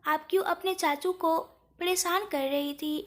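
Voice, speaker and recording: A woman voicing an affectionate young father, speaking gently in a storybook reading. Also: very high voice, fairly even intonation, measured pace. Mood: fond. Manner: gentle, fond tone.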